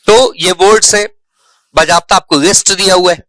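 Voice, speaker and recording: A man teaching English spelling online speaks in a high, slightly bright voice, and the recording has no echo. Going slowly, he repeats sample words and frequently asks "right" to check in.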